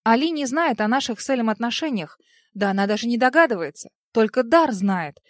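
Higher-voiced woman narrating a story. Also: lively intonation, brisk, dry recording, studio quality. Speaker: audiobook narrator. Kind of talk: first-person storybook narration.

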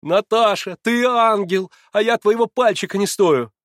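A man's voice: sits high, fast talker, dry recording, clean studio sound, voice pushed up. A man reading a novel aloud, voicing an eager, impulsive young man in love who gushes and pleads. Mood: rapturous. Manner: breathless, gushing, pleading. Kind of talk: audiobook character voice.

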